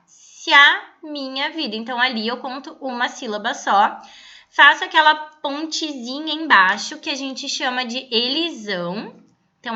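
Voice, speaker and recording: A woman teacher giving a recorded online lesson, explaining patiently and reading verses slowly aloud. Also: high-pitched, sharp tone, dull audio.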